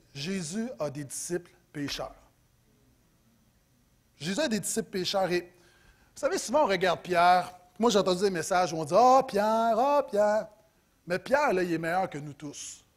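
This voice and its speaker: A middle-aged man with a Quebec French accent preaching a sermon as pastor, animated, swinging between loud emphasis and soft asides. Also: high voice, moderate pace.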